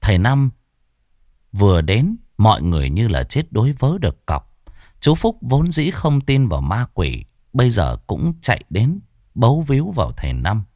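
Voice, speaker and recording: Lively low-voiced male storyteller. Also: moderate pace, no echo, clean studio sound. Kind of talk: ghost story narration.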